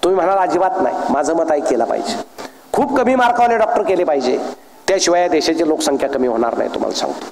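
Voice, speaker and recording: Guy with a high voice telling funny stories on stage, big echoey hall. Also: very animated, fast, vocal fry, a little mellow, a little hiss or hum. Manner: storytelling with jokes, acts out dialogue. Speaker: public speaker. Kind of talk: humorous motivational speech to an audience. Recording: echoey hall with long reverb.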